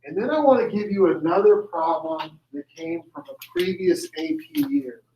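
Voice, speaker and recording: A man teaching a high school chemistry class, casual and chatty, often correcting himself as he works a problem. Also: sing-song, moderate pace, vocal fry, mellow, slight background noise, poor audio. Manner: chatty, joke-telling, self-correcting. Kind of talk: classroom lecture.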